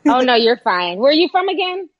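A woman's voice: sits high, big pitch swings, a little fast, no room sound. A woman hosting a live call-in show in a casual, polite, conversational way. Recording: slightly dull, lo-fi sound.

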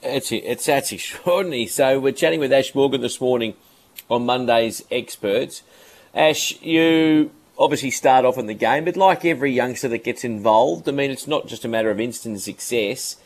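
A man's voice: mid-range voice, normal speed. A man hosting a radio interview, friendly, with long rambling questions. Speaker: radio show host.

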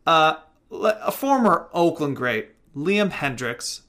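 Bright, excitable male podcast co-host. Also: fairly high pitch, slow pace. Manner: loose and profane, excitable. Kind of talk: casual sports chat.

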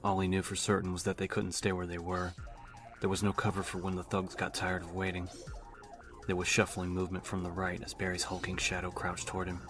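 A male audiobook narrator reads a novel in a steady, even manner. His voice is deep and almost completely flat in pitch. Music runs clearly behind him. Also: fairly quick. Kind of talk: reading a novel aloud.

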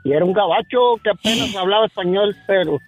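A man's voice: high-pitched, fast talker, faint music behind. A man calling in to a radio show, telling his story in a plain, matter-of-fact way. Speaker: caller. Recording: dull muffled line.

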